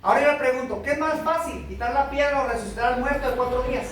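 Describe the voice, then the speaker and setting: A man's voice: very high-pitched, fast talker, recorded from a distance, noisy background. A man preaching a sermon as pastor, emphatic, asking rhetorical questions and calling for amens. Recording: echoey church hall from afar. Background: congregation responding.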